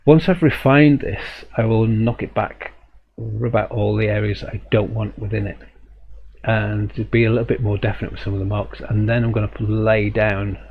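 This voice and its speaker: A man teaching a live drawing stream, talking thoughtfully and rambling a little, often correcting himself and chuckling. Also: lowish voice. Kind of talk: live drawing demo and chat. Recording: dull lo-fi stream audio with faint hum.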